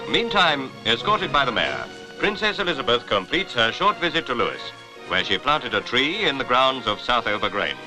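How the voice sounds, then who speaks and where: A man with a British Received Pronunciation accent narrates scripted 1950s newsreel commentary, his mid-range voice very animated at a moderate pace, jaunty yet formal and clipped. The low-quality recording is a vintage newsreel soundtrack with music playing underneath.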